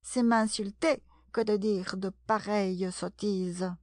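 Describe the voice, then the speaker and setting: A woman's voice: mid-range voice, fairly even intonation, slow, no echo, studio quality, lightly acted. A woman reading aloud and voicing a stern, easily offended female mouse in a storybook. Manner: curt, offended.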